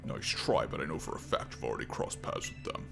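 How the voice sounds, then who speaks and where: A man's voice: over music, close to an everyday voice. A man putting on a fake voice-changer voice to play a secretive hacker character while playing a game. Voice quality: mock voice-changer voice, pitched far down. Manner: slow, low, secretive. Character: mysterious hacker speaking through a voice changer. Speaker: gamer reading character dialogue.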